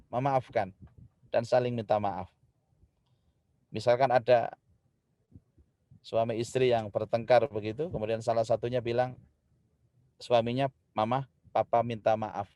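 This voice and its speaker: A man giving a lively Islamic sermon to an audience, swinging from loud emphatic lines to quiet ones and addressing the listeners directly. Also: medium pitch, normal speed, pauses often, no echo. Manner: lively, rising loud when building a point, then dropping soft; addresses the audience directly, acts out spouses' quarrels. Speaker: preacher.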